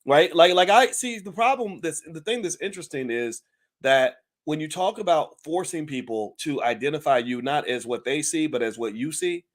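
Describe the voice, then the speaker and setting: A man's voice: on the high side, normal speed. A man hosting his own channel, talking casually to viewers, chatty and amused, with many restarts and questions to the audience. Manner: chatty, laughing, lots of restarts and asides to viewers. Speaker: channel host. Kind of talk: casual talk-show commentary.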